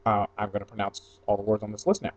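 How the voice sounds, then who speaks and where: A man's voice: on the low side, flat delivery, quick pace. Offhand young man, slightly dull recording. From New Jersey, mostly raised in Atlanta. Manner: offhand, wandering asides. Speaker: blogger recording an audio post. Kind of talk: casual solo chat, reading out a questionnaire.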